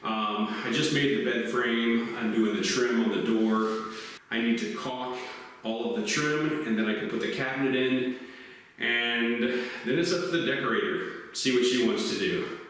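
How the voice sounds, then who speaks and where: A man's voice: mid-range voice, normal speed, a bit bright. A middle-aged man talking casually through a DIY build, in a small unfinished room with a hollow, cave-like echo. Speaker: DIY vlogger. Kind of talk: casual build vlog narration. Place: small interior of tiny house under construction. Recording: background noise, boxy cave-like room echo.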